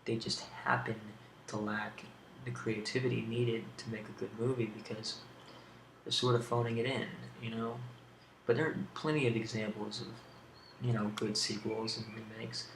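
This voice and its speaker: There's a roomy echo and obvious background noise as a video creator works through tag questions in a laid-back, rambling ASMR manner. His voice sits on the low side at normal speed, staying mostly flat and thick with vocal fry.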